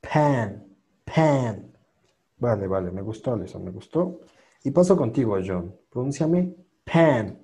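A man teaching English pronunciation in an online class, patiently repeating sounds slowly for his students. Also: medium pitch, expressive, dark tone.

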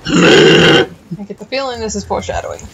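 A woman's voice: mid-range voice, animated, normal speed, heavy background noise. A woman co-hosting a gameplay video, making wry, teasing side comments as she watches. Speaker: let's play co-host. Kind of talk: casual banter while watching a game.

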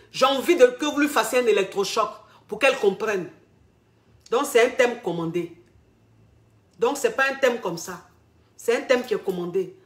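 A woman's voice: on the high side, a bit bright, echoey room. A woman relationship coach talking to her followers, repeating herself with emphasis and asking rhetorical questions. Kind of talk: monologue to camera.

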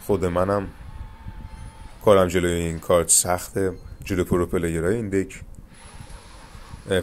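Low-voiced man calmly narrating gameplay. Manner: calm, coaching, addresses viewers as "guys". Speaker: gaming YouTuber. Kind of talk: live gameplay commentary.

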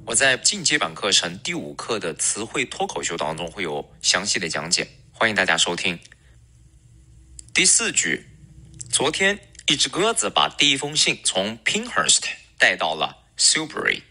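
A man teaching English pronunciation in a recorded lesson, a native Chinese speaker who models words slowly and repeats them. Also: lowish voice, wildly swooping pitch, pushed and bright.

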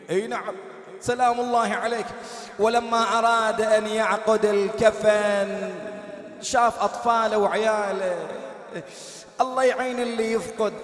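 A male preacher gives an impassioned mourning sermon, shouting and chanting in grief. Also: high-pitched. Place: large prayer hall. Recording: echoey hall with long reverb.

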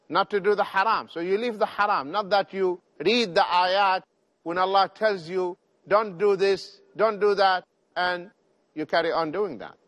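A middle-aged man giving a televised religious lecture, exhorting his listeners in deliberate short phrases. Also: high-pitched, a bit bright. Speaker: Islamic preacher.

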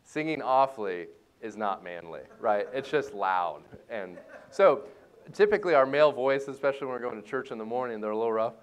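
A man leading a church music lesson for a class, joking and playful as he explains reading music and warming up voices. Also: mid-range voice, animated, brisk, clean tone. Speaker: music teacher. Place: church hall.

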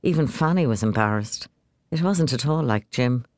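A narrator reading a short story aloud in an expressive, measured way. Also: mid-range voice, no room sound, studio quality.

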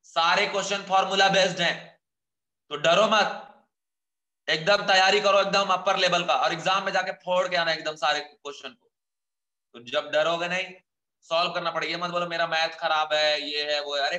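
A man teaching chemistry in an online exam-prep lecture, chatty and coaxing, a bit unwell and slower than usual. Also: sits high, sharp tone, reverberant, poor audio. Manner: chatty, scolding yet encouraging, addresses students as kids. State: unwell, speaking slower and softer.

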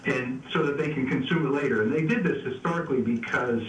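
A man's voice: medium pitch, fast. A man giving beer news on a casual radio chat. He has an easygoing manner and keeps stopping for "uh" and fresh starts. He sounds distant and roomy over a remote line, with faint noise behind him. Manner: easygoing, explains with frequent "uh" and restarts. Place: remote call into a radio show.

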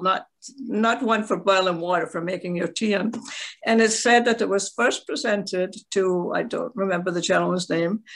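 An older woman from Scotland, telling stories in a halting, rambling way on a video call from her tablet at home. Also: mid-range voice. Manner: rambling, halting, with frequent restarts and soft laughs. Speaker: interviewee, veteran curler. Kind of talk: casual video call interview.

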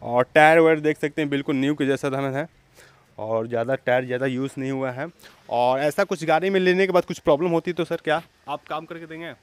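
A young vlogger with a fairly high, steady voice and clean tone talks fast while touring an outdoor used-vehicle lot in an upbeat video. Holding a lapel-style mic, he echoes the seller's answers back.

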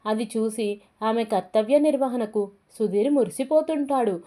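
Soft, mellow woman telling a story. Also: fairly high pitch. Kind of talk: scripted story narration.

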